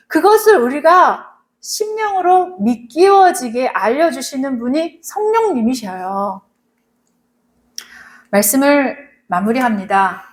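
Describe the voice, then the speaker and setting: High-voiced woman pastor preaching earnestly. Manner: earnest, repeats and urges the congregation directly; asks the congregation for responses. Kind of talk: sermon; leads closing prayer.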